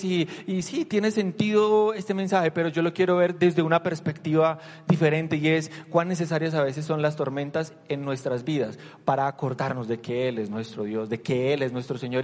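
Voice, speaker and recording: Male preacher with a higher-pitched voice, animated and conversational, recorded in a reverberant church hall. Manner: animated, asks the listeners rhetorical questions. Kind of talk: conversational sermon.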